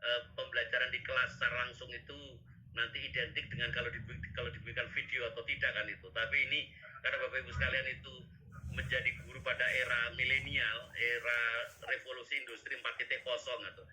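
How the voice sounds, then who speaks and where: Guy in his 50s lecturing teachers on a video call, really bright ringing voice, rambles a bit. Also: mid-range voice, level tone, fast talker, slight background noise, low-quality recording. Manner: rambling, keeps tagging sentences with a questioning aside. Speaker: workshop instructor.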